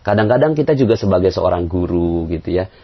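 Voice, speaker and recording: Fast and animated, this Islamic preacher speaks conversationally to his audience in a motivational religious talk. He often chuckles and uses fillers, and he acts out quoted voices with large pitch jumps. The recording is dull and lo-fi.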